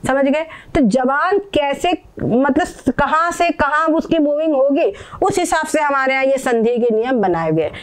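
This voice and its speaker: This Sanskrit pronunciation teacher has a high, expressive voice. She repeats each word slowly, explains with patience, and checks whether her students are following along.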